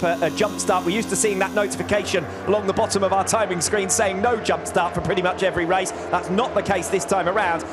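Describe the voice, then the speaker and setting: A man giving live motorsport commentary in a dramatic, articulate play-by-play style. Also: sits high.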